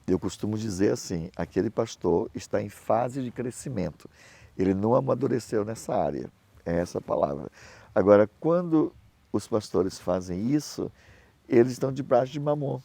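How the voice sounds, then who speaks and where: A middle-aged man with a fairly low, gravelly voice preaches at a moderate pace in a dry recording. The pastor and missionary tells stories with animation, acting out the voices of the people he quotes.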